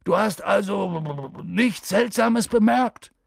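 Hagrid, voiced by a man, gruff and impatient. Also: a little high, lively intonation, normal speed, voice pushed up, exaggerated voice. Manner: grumbling, then loud and pressing. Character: gruff giant male gamekeeper, wary and impatient. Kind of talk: audiobook character voice.

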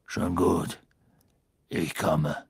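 A man doing a growling, gravelly giant of a gamekeeper. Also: sits low, flat delivery, extremely slow, no echo, studio quality, pitched below the performer's own voice, exaggerated voice. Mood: low, grim. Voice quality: gravelly, raspy. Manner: blunt, growling. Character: huge rough-voiced male gamekeeper, hot-tempered. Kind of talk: audiobook reading.

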